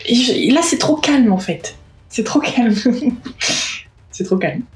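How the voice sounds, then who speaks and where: A woman's voice: a little high, animated, slow. A young woman vlogging casually about her reading, gushing and tense, with swearing and nervous exclamations. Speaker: book vlogger. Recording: echoey room with music behind.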